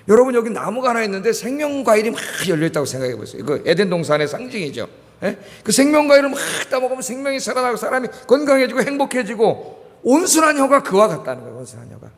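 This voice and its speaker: A middle-aged male pastor from Korea preaching a sermon, asking the congregation questions and repeating key words. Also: high voice. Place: church sanctuary. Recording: reverberant church hall.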